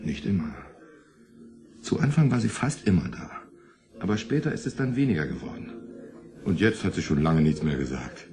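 A man's voice: sits low, lively intonation, normal speed, pauses often, darkish tone. An actor playing a troubled man who hears a voice, talking in a rambling, boastful then defensive way in a radio play. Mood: uneasy.

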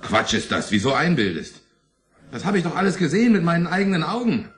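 A rambling, voice-haunted drinker. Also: male voice, a little high, very animated, fairly quick, fairly bright tone, soft background music. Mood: defensive. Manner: rambling, boastful then defensive. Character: troubled man who hears a forbidding voice. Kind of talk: radio play acting.

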